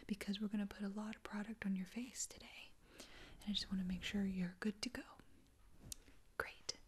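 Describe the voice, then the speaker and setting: A young woman in a whispered role-play as an attentive, reassuring spa attendant, speaking softly and close up. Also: mid-range voice, slight background noise. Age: young adult. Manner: soft-spoken, attentive, reassuring customer-service talk. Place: small dim indoor room.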